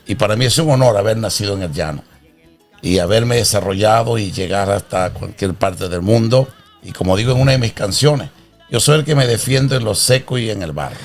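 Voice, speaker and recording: Older man, low earnest voice. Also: soft background music. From Venezuela. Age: 60s. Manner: earnest, proud, unhurried storytelling. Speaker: interview guest, father of host. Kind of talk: casual interview.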